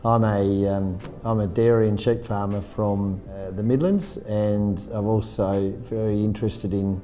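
Mellow-voiced middle-aged farmer. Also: male voice, on the low side, steady tone, unhurried, a little hiss or hum. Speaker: dairy and sheep farmer. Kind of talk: interview. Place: office meeting room.

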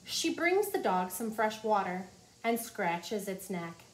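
Speaking slowly, with big swings in her medium-pitched voice, a woman in her forties reads a children's nonfiction book like a teacher. She explains things simply for young listeners in a small office. Clear room noise fills the background.

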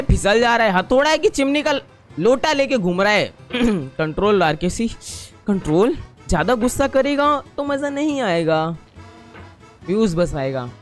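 A young man giving excitable, casual commentary while playing a game, talking to his viewers and scolding the game. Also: very high-pitched. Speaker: gaming YouTuber.

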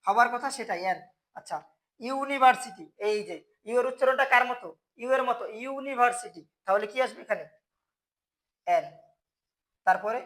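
A teacher with a Bangladeshi Bengali accent talks through a grammar lesson for school students. He keeps putting questions to the class and answering them himself, in a mid-pitched voice. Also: a bit bright.

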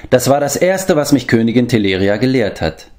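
A sly, quick-witted young princess, teasing and matter-of-fact, her voice lifted well above a man's own, as an audiobook narrator puts her on. She speaks with animated, rising lines in a storybook reading. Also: medium pitch, voice pushed up, lightly acted. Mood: arch.

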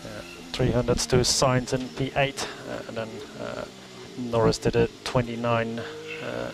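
A man working as a race engineer who gives steady, instructive briefings to his driver over race car team radio. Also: mid-range voice, a little slow, vocal fry. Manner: steady, instructive, flat delivery. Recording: noisy radio link.

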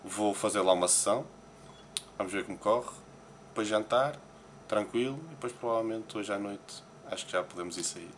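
A man's voice: fairly low pitch, a little fast, long pauses, noisy background. A man from Portugal with a European Portuguese accent, chatting casually in an interview and commenting on newspaper headlines with frequent hesitations. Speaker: poker player interviewee. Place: Las Vegas, morning.

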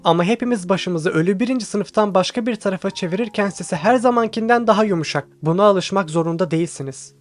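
A man voicing a stern, hulking male combat professor in an audiobook who barks his orders loudly. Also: high-pitched, quick pace, few pauses, close to an everyday voice. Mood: commanding.

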